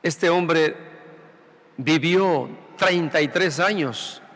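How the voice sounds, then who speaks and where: A man's voice: on the high side, very slow, a bit bright, in a large hall. A man who is a priest, preaching a Sunday sermon through rhetorical questions and repeated phrases. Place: large church sanctuary.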